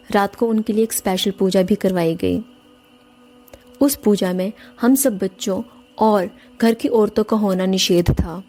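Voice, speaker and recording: A woman's voice: mid-range voice, warm tone. A woman narrating a first-person horror story in an earnest, emotional way, speaking directly to her listeners. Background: faint music.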